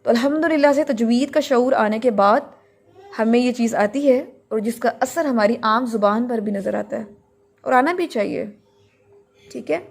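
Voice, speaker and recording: Woman, tajweed teacher, patient explaining, slightly high voice. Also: normal speed, vocal fry. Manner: explains patiently, stretches out recited words to model them. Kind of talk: recorded lesson.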